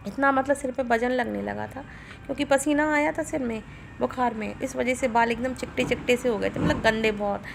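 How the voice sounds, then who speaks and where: A woman's voice: fairly high pitch, vocal fry, a little hiss or hum. A woman in her forties from India with a Bundelkhandi Hindi accent, chatting homely through her daily vlog at home in her kitchen. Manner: chatty, homely, retells family talk. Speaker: vlogger. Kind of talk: casual daily vlog narration.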